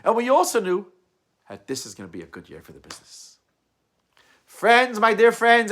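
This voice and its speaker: A middle-aged man, a rabbi, telling a story in a sermon, animated, with big swings between loud emphasis and quiet asides. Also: extremely high pitch.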